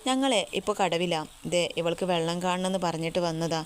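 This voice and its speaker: A woman's voice: lowish voice, fairly quick, a little hiss or hum, lightly acted. A woman doing a chatty cheerful young girl.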